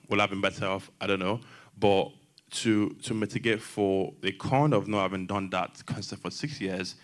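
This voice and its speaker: A man in his late twenties, a panelist sharing his career path in a lively way, climbing to excited highs as he makes his points. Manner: lively, builds to excited highs with superhero analogies. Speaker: panelist, tech consultant. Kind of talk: panel testimony at a church young adults session.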